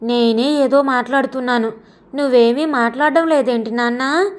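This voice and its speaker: A woman voicing a young adult grandson in an audio story, speaking softly and tenderly to his grandmother. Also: sits high, fairly even intonation, normal speed, natural voice. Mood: pleading. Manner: soft, pleading delivery.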